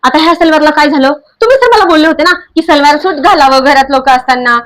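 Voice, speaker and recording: A woman playing a quarrelsome young wife who answers back with quick, scolding retorts. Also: high voice, a bit bright. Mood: annoyed. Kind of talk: amateur drama acting.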